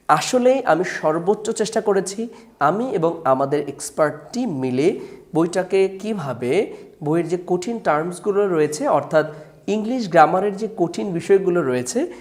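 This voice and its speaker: A man's voice: on the high side, darkish tone. A man with a Bangladeshi Bengali accent, an author presenting his own grammar book, listing its topics earnestly with frequent hesitations. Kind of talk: promotional talk to camera.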